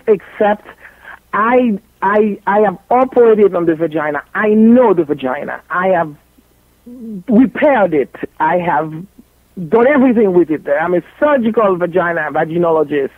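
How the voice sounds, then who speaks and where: Speaking over a thin, phone-like connection with no room sound, a French-accented Haitian gynecologist gives an animated radio interview. Her mid-range voice has lively intonation and normal speed, and she's blunt and playful, repeating herself for emphasis.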